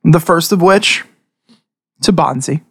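Male game master, slightly high voice, casual halting narration of tabletop combat and scenes. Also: fairly bright tone, husky. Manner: halting, improvised descriptions.

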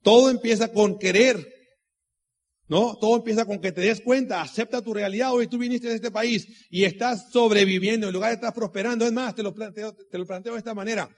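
Middle-aged male motivational speaker, husky and preachy, heavy on rhetorical questions and repetition. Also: sits high, fairly even intonation, a little fast. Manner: preachy, asks rhetorical questions and repeats key lines; tells personal anecdotes. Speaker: motivational speaker at a business meeting. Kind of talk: motivational talk to a live audience.

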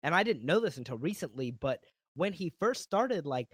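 A man with a fairly high voice hosts a podcast, asking relaxed follow-up questions. The recording is close and dry, with no room sound. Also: moderate pace, husky, no echo. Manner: conversational, asks follow-up questions. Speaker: podcast host. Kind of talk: casual interview chat.

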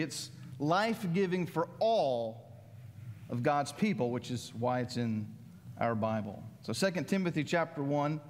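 A male pastor delivers a sermon in an easy, conversational way, often checking in with the room. His voice sits slightly high for a man. The sound carries the long reverb of a church sanctuary. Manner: conversational, frequent asides and "right?". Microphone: worship mic.

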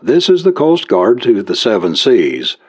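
Man doing a by-the-book coast guard guy, stern, low and husky. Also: wildly swooping pitch, a little slow, a little mellow, full character voice. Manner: stern, clipped radio protocol. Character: stern male coast guard radio operator, bureaucratic. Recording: dull lo-fi recording.

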